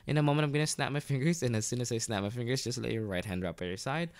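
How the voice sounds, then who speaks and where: Slow, soothing instructions with the odd casual aside come from a man leading a listener through a hypnosis induction. His voice is mid-range, and there's no room sound.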